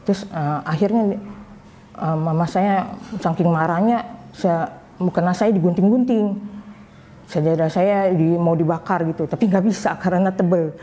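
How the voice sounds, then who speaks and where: A woman telling her personal story, voicing the people in it with animated quoted dialogue. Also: on the low side, moderate pace, a little hiss or hum. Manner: recounts with lively quoted dialogue. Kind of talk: personal testimony.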